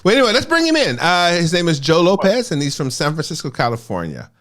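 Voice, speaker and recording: A man hosting a casual online talk show, groggy from an early start, playful and quick to laugh. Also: a little high, big pitch swings, a bit bright. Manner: playful, laughs often, teasing. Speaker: host.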